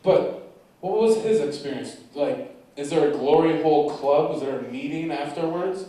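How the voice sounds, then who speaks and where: A man doing a stand-up comedy set on a theater stage, telling a story with animated delivery that bursts into loud stretches. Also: fairly high pitch, moderate pace. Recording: echoey room from far off.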